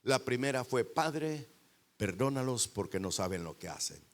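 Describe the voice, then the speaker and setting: A male pastor preaching a sermon into a handheld microphone in a church, rising to loud bursts and dropping into quiet pauses. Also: lowish voice, lively intonation. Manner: preaching with sudden loud swells and dramatic pauses.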